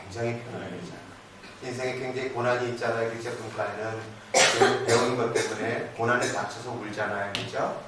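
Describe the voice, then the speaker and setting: A man giving a live parenting lecture to an audience, animated, asking questions and answering them himself, moving between casual and polite speech. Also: medium pitch, a little fast. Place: lecture hall. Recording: very echoey hall, distant mic, noisy.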